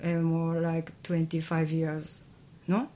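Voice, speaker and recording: A woman chatting and interpreting informally, often halting as she searches for words and murmuring agreement. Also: sits low, monotone, mellow. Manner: halting, searching for words, frequent affirming backchannels. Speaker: guest interpreting between languages. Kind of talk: casual chat with informal interpreting.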